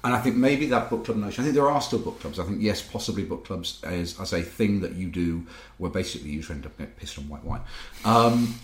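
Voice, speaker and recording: A man's voice: low voice, expressive. A man in a casual discussion, talking in long rambling sentences and correcting himself as he goes. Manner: rambling, self-correcting, talks fast. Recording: echoey room.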